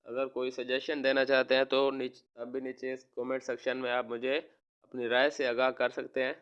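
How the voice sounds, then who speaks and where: A man from Pakistan, a teacher giving a recorded lesson to young children, slowly spelling out words and repeating them. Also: mid-range voice, completely flat delivery, muffled recording. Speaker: online school teacher.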